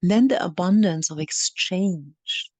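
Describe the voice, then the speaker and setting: Leading a channeled guided meditation, a woman with a fairly low-pitched voice speaks solemnly in halting, deliberate, repetitive phrases. Her words often soften toward a breathy whisper, and the recording has no echo.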